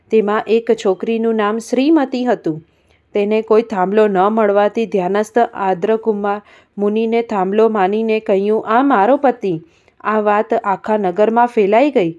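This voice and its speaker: Calm woman narrating a religious story. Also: mid-range voice, highs cut off. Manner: calm, even storytelling read aloud.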